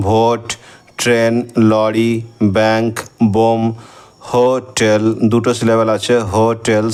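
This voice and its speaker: A man with a Bengali accent teaching English grammar to schoolchildren, slowly spelling out words letter by letter and counting their syllables. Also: on the low side, clear, resonant tone. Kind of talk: recorded lesson for schoolchildren.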